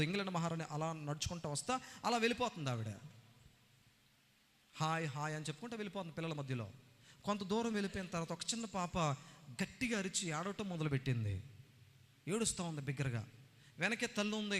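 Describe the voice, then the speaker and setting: A male pastor preaches with a high, ringing voice, firing questions at his congregation and repeating phrases for emphasis. His words carry a long reverb from a large church hall. The delivery is earnest and insistent. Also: fairly bright tone. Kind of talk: sermon.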